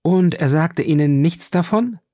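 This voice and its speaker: An earnest young woman, desperate with gratitude, begs and exclaims in a raised, emotional voice, as a male reader puts her on. Her lines carry a gravelly edge under the lift in pitch and sound dry and close. It is a classic novel read aloud as an audiobook. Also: expressive, moderate pace, dark tone, no echo. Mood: hopeful urging. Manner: pleading and emotional.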